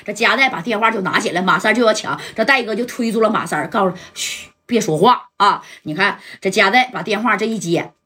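A woman's voice: medium pitch, fast talker, few pauses, pushed and bright, slightly rough. A woman narrating a gangster story in a chatty, colloquial way with rhetorical asides and stammered restarts.

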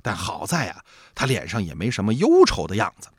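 Male folk-tale storyteller, highly animated, swooping pitch, lively narration. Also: a little fast, husky, no room sound. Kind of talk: traditional oral storytelling.

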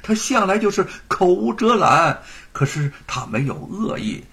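Man playing a tender young wife, soft husky voice, coaxing, lilting. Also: sits high, sing-song, a little slow, voice pushed up, exaggerated voice. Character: gentle devoted young wife, soothing.

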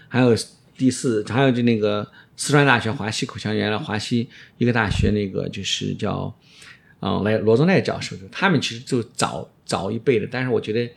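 A man's voice: mid-range voice, vocal fry. A middle-aged man, an orthodontist being interviewed, explaining casually and emphatically, often repeating his phrases. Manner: emphatic, repeats phrases, drops in English words.

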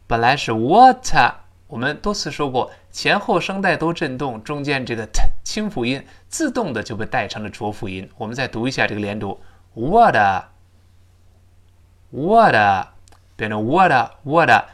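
Lively, animated male teacher in middle age; spells out sounds and drills them slowly for learners. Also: medium pitch. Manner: lively, slows down to model pronunciation. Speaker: English teacher. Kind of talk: spoken English lesson.

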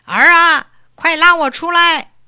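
A woman voicing a greedy, nagging old father in a storybook tale, loud and pleading with drawn-out words. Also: high voice, very animated, no echo, clean studio sound, pitched above the performer's own voice, full character voice. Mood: wheedling, shouting. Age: older.

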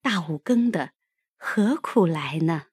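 A woman voicing a loyal, gentle young maid who coaxes and soothes her mistress. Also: lowish voice, expressive, breathy edge, dry recording, studio quality, full character voice. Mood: soothing. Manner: coaxing, raised and quick when calling out. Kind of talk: audiobook character reading.

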